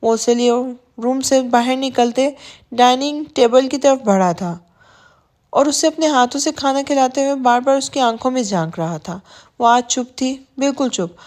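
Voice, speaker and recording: A woman narrating a romance novel as an audiobook, reading softly and evenly. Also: sits high.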